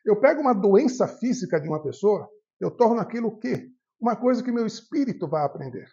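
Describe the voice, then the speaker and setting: A man gives a spiritist lecture in a high, animated voice with a gravelly edge. He talks fast, telling anecdotes and playing out both sides of each conversation. The recording is dull and lo-fi. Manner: storytelling, acts out the voices in dialogues. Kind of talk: spiritist talk from the tribune. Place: spiritist center hall.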